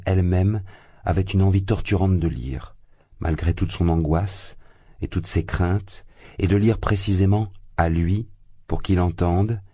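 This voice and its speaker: A man reading a classic novel aloud as an audiobook in an even, measured way. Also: sits low, dry recording. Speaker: audiobook narrator. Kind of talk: scripted narration.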